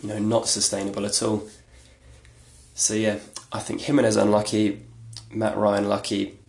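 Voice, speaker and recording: Male podcast host, low gravelly voice, flat delivery, rambling and self-deprecating, echoey room. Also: normal speed. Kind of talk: casual solo podcast talk.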